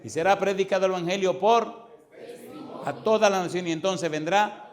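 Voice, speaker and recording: A man preaching a fervent sermon as pastor, with emphatic repetition, drawing some words out slowly and rushing through others. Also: sits high. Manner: swings between slow stressed words and fast runs.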